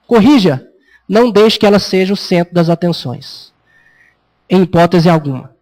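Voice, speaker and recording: This rough recording captures a very high male voice belonging to a Brazilian pastor. His expository sermon takes a conversational tone, and he loudly plays the parts of parents and children, his accent Brazilian Portuguese.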